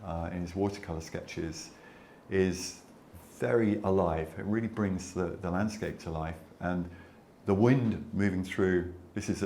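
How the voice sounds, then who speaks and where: A man's voice: deep voice, a little mellow, a little hiss or hum. A man in his sixties, a landscape photographer, talking reflectively and with enthusiasm about painters at an exhibition. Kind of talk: conversational exhibition talk. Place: exhibition space before an audience.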